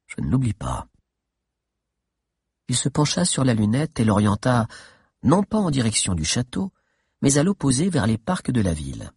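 Male narrator, husky, lively pitch, close dry recording. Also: no room sound. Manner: expressive, lively storytelling. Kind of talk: audiobook narration.

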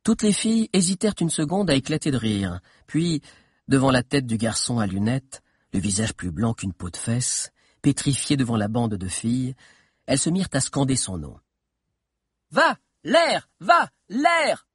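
A man narrating a story expressively in an audiobook, with a husky voice. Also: medium pitch, expressive, normal speed, darkish tone, no room sound, clean studio sound.

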